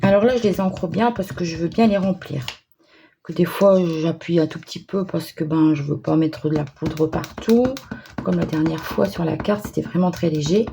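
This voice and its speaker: Low, gravelly woman with a northern French accent. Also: normal speed, warm tone, a little hiss or hum. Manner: chatty, hesitant, with many fillers. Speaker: crafting tutorial host. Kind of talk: casual craft demonstration.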